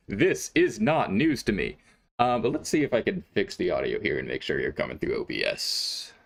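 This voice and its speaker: A man with a fairly low voice and vocal fry casts esports, passing pre-show time with laid-back, wry chat while fixing the stream's audio. He talks into a desk mic at a streaming setup.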